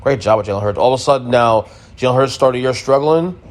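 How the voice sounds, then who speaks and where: A man's voice: medium pitch, quick pace. A man hosting a sports podcast, giving a casual, emphatic recap with blunt opinions and repeated points. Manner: emphatic, opinionated, repeats himself, mild swearing.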